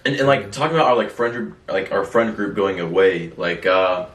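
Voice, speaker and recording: A young man on a casual chat, his speech slightly impeded by braces, halting and repetitive with lots of filler. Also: low-pitched, expressive, fairly bright tone. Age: young adult. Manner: halting, repetitive, peppered with 'like'. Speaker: podcast guest. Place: small bare room, indoors at a table. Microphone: distant camera or room mic. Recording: roomy echo, distant mic, background noise.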